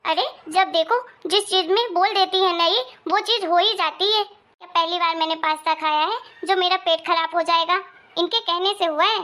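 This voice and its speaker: A woman's voice: very high-pitched, normal speed, pushed and bright. A woman voicing a quarrelsome young married daughter who complains and scolds, in a Hindi moral story cartoon. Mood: scolding.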